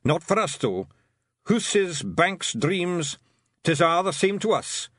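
A brash little pixie chief barks orders in a thick Scottish accent, as a man voices him. His voice is pushed up high and swings wildly, with a dry, close sound. He is loud, boastful and bossy. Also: very animated, slow pace, dry recording, full character voice. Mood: blustering. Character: boisterous tiny male pixie clan leader.

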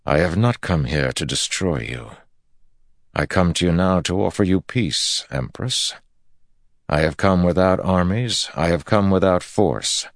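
A man's voice: sits low, animated, unhurried, no echo, clean studio sound, voice pushed up. A man voicing a commanding hero of ancient claim in an audiobook, solemn and declaiming.

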